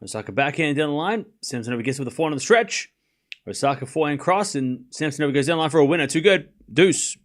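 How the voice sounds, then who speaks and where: Speaking quickly in a voice on the high side, a young Aussie streamer narrates live tennis points and banters with his audience. He rambles in a relaxed way, reads out chat messages and responds, and swears offhandedly.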